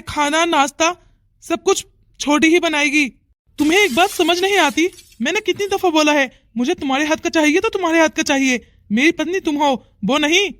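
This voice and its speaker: A woman's voice: high-pitched, a bit bright, no room sound, studio quality. A woman voicing a stern, demanding young husband in a cartoon who scolds insistently. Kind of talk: cartoon voice acting.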